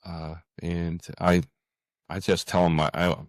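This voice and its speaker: A man with a low-pitched, level voice speaks at a measured pace in a clean studio recording with no echo. He's a fantasy writer appearing as a podcast guest, thinking aloud earnestly in a reflective interview and often repeating words as he goes.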